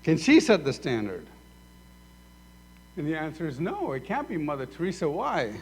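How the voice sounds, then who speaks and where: A slightly rough, somewhat high male voice at normal speed belongs to a Sudanese pastor preaching in a church sanctuary, captured with echoey reverb. He animatedly performs both sides of imagined dialogues.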